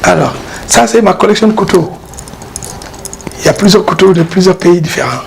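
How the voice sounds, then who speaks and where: A man, an art dealer and collector, explaining his pieces in a casual interview, halting and repeating words as he goes. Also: high voice, expressive, vocal fry. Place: exhibition hall with his collection. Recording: noisy background hiss.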